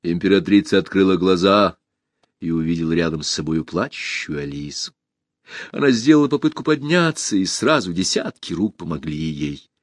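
A man narrating a fantasy story for an audiobook in an expressive storytelling manner. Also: low voice, normal speed, no room sound, studio quality. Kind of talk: audiobook narration of a fairy tale.

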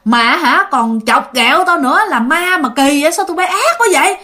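A fiery young market woman selling sticky rice, with a Southern Vietnamese accent, as a woman storyteller puts her on. She sounds high and very lively, swinging widely in pitch and full of exclamations. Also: normal speed. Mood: angry.

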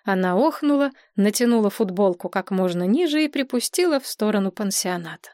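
A woman narrating an audiobook in an even, measured storytelling voice. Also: medium pitch, no room sound, clean studio sound.

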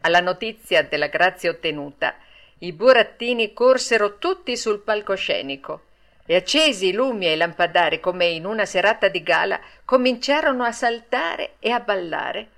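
A woman reading a classic children's story aloud as an audiobook narrator, with slow, deliberate storytelling. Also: medium pitch, lively intonation, gravelly, a bit bright. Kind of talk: scripted narration.

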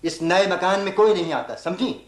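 A man's voice: on the high side, lively intonation, a little fast, natural voice. A man playing an irritable young husband who scoffs at ghost stories, in a roomy old radio drama recording. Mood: scoffing. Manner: scoffing, impatient. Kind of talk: vintage radio drama acting.

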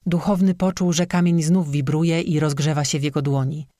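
Measured audiobook narrator, even mid voice, dry studio read. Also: medium pitch, no echo. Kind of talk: scripted narration.

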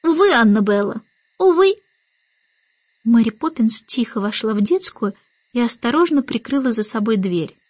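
A woman reads a children's story aloud in an even, expressive way. Her voice is slightly high, and the recording is dry, close and somewhat muffled. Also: normal speed, husky, dry recording. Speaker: audiobook narrator. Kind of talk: scripted narration.

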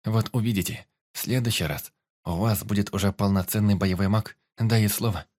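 A man voicing a determined young female mage in an audiobook, speaking quickly. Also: on the low side, steady tone, darkish tone, natural voice.

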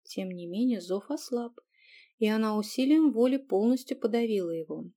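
Mellow, high-voiced woman narrating. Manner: calm, measured reading. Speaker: audiobook narrator. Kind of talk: scripted narration.

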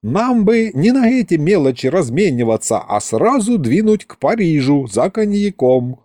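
A man voicing a complaining, sharp-tongued old grandfather in an audiobook. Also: a little high, very animated, normal speed, dry recording, studio quality, pitched above the performer's own voice. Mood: grumbling. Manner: whiny, complaining. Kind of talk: audiobook character reading.

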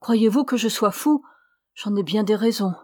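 A woman's voice: mid-range voice, moderate pace, darkish tone, dry recording, natural voice. An audiobook figure: a desperate, fiercely protective young man, read by a woman narrator. He pleads with urgent passion and his voice swells when he presses a point. The reading is close and dry, with no room sound. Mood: anguished.

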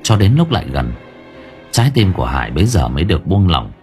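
A man narrating an audiobook in a dramatic, expressive manner. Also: deep voice, fast, over music. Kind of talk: scripted narration.

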